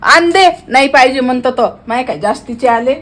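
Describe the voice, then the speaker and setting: A woman, performing a village comedy sketch in a loud, quarrelsome way that turns pleading. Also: high voice, lively intonation, fairly quick, soft background music.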